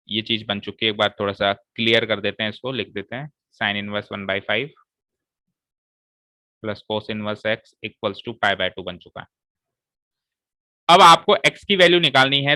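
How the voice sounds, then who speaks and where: Male maths teacher, bright forceful voice, walks students through each step, dry close recording. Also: mid-range voice, no echo, rough recording. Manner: explains step by step and checks with students. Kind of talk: classroom maths lesson.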